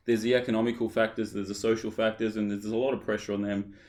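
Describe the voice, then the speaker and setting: A man's voice: fairly low pitch, little pitch movement, a little mellow. An Australian man hosting a casual podcast chat, stopping and restarting as he lays out his questions. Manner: halting, restarts often while posing questions. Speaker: podcast host.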